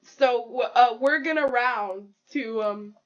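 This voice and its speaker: Slow, giggly woman rambling while drawing. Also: on the high side, muffled recording. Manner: rambling, giggly, improvising a silly story aloud. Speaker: drawing video creator. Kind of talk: casual narration while drawing.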